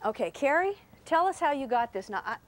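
A woman's voice: high voice, big pitch swings. A woman hosting a live educational program, asking short questions and encouraging her guests. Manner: encouraging, asks short questions and gives quick acknowledgments. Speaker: program host.

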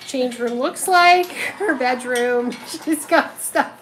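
A woman's voice: sits high, takes it slowly, a bit bright, slight background noise. A woman on the styling team chatting casually, chiming in and teasing the host. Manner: chimes in, teasing. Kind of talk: casual chat.

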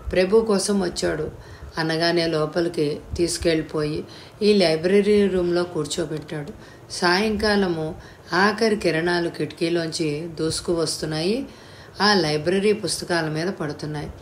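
Woman audiobook narrator, lowish voice, steady expressive delivery. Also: normal speed, slight background noise. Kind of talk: novel reading.

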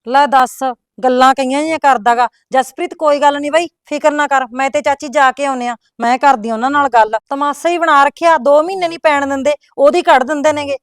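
A woman playing a brisk matchmaker who reassures the family and sounds indignant. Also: high-pitched, fairly even intonation, no echo, clean studio sound, lightly acted. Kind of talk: rural family drama acting.

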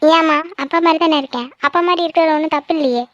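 A woman voicing a cheeky teenage village daughter in a cartoon, talking back quickly with a whiny, sassy manner. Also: sits high, no echo, muffled recording, lightly acted. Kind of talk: cartoon voice acting.

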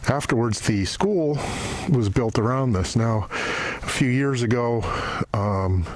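A man giving an unscripted walking-tour narration outdoors, halting and thoughtful, with pauses. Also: medium pitch, animated. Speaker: vlogger guide. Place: outdoors among ruined buildings in desert.

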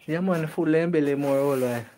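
A woman's voice: deep voice, normal speed, dark tone. A Jamaican woman vlogging outdoors, chatting in Patois with a lot of laughter and repeated "yeah, man". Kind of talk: casual chat in Patois.

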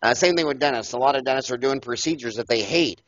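An older man and dentist, talking loudly and emphatically, telling stories in an animated interview over a headset mic on a video call. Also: medium pitch, fast, no echo. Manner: loud, emphatic, storytelling. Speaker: dentist and podcast guest. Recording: dull, lo-fi call audio.

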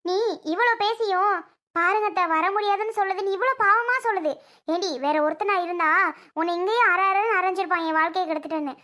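Woman as scolding elder sister: very high, piercing. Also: pushed and bright. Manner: scolding, lecturing, rising shrill outbursts. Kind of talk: homemade family drama skit.

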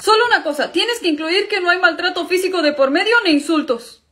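Woman as a high-voiced indignant teenage boy. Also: brisk, fairly bright tone. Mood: wary. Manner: pleading, protesting. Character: indignant, earnest teenage boy, put-upon younger brother. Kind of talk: comedy skit.

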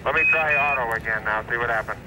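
A man's voice: medium pitch, fast. A man reading terse, clipped flight callouts as an astronaut, heard through a crackly space radio transmission with beeps. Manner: clipped, businesslike number readouts. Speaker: astronaut piloting the lander. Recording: noisy archival radio downlink.

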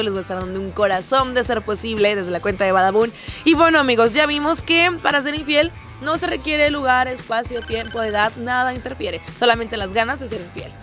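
A woman's voice: a little high, fairly bright tone. A young woman with a Mexican accent hosting a street reality show, teasing and outspoken. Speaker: show host.

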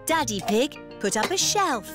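Patient cartoon mummy pig. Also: female voice, sits high, moderate pace, music in the background. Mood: gentle. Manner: calm, kindly storytelling tone. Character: gentle mother pig, calm and patient. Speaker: mother in a children's cartoon. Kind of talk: cartoon voice acting.

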